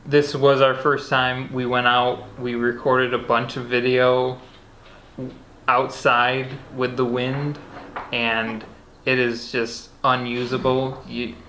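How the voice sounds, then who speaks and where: A man's voice: mid-range voice, slow. A man co-hosting a vlog, explaining plans for the channel in a loose, rambling way. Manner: rambling, relaxed, with restarts. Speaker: vlog co-host. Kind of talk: casual outro chat. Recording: echoey room, faint noise.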